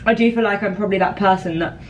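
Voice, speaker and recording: A woman's voice: medium pitch, racing, a little hiss or hum. A young woman chatting casually to camera in a vlog, self-deprecating and friendly. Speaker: vlogger. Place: small bathroom at night.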